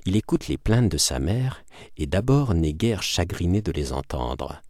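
A man reading a story aloud with lively, acted-out narration. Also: sits low, measured pace, dry recording, studio quality. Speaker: audiobook reader. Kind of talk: expressive literary reading.

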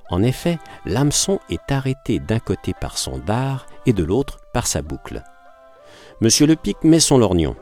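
A man reading a story aloud with lively, acted-out narration. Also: mid-range voice, a little slow, soft background music. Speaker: audiobook reader. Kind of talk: expressive literary reading.

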